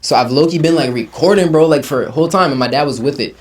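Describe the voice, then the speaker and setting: A man's voice: a little high, fast. A young man in his twenties from Uganda, a rapper chatting casually as an interview guest, full of slang and "you feel me.". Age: 20s. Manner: slangy, relaxed, says "you feel me" often.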